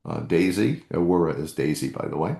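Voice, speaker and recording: A man's voice: sits low, expressive, brisk, creaky, mellow, roomy sound. A man hosting a live meditation workshop, coaching earnestly and reading out chat comments.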